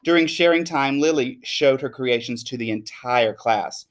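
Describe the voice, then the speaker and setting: A man who works as a teacher, reading a children's story aloud in an expressive, emphatic way. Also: medium pitch, normal speed. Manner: animated, emphatic.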